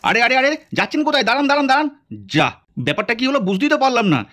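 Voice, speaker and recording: Brief: man doing a high, rapid-fire, indignant young man for a puppet cartoon. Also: big pitch swings, bright, forceful tone, heavily acted. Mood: flustered. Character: flustered young man, new to the village.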